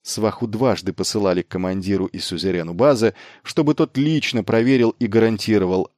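A man narrating an audiobook in a measured, even reading. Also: fairly low pitch, no echo, clean studio sound. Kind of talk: scripted narration.

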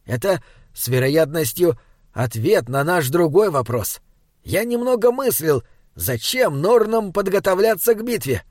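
A man's voice: sits high, sing-song, unhurried, a little mellow, no echo, studio quality, exaggerated voice. A man voicing a small, earnest male troll sage who speaks in stilted, oddly phrased sentences. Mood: pondering. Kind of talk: audiobook character reading.

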